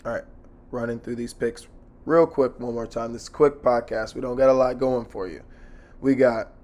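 A hoarse man hosting a casual sports betting podcast by himself, talking in a blunt, slangy, sweary way. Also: medium pitch, steady tone, normal speed, a little mellow.

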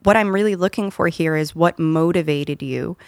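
A woman in her twenties hosts a podcast with a slightly low voice. She talks in a friendly, conversational way and drops in the odd filler word as she moderates. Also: moderate pace, no room sound, studio quality. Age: 20s.

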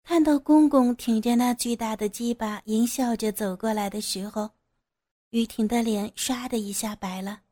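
A woman reading an audio story aloud with steady, even storytelling narration. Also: on the high side, normal speed.

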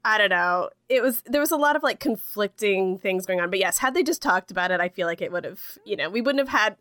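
Bright-voiced woman in dry, close sound. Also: medium pitch, expressive, no room sound. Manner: chatty, many "like" fillers, quick asides. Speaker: podcast co-host. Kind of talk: casual book discussion.

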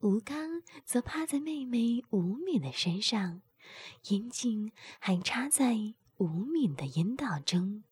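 A woman narrating an adult audio story in a slow, unvoiced whisper, as whispered role-play. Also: a little high, big pitch swings, breathy edge, no room sound.

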